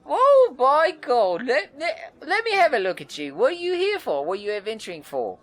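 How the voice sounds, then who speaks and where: Man playing a brash, high, loud tavern woman, bouncy and bossy. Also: wildly swooping pitch, moderate pace, full character voice. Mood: excited, rowdy. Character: wiry excitable bawdy red-haired tavern woman.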